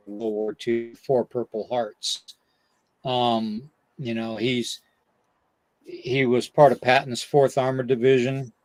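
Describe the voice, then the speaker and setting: A man's voice: mid-range voice, dry recording. An older man hosting a podcast in casual, folksy, rambling chat, slightly short of breath. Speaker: podcast host.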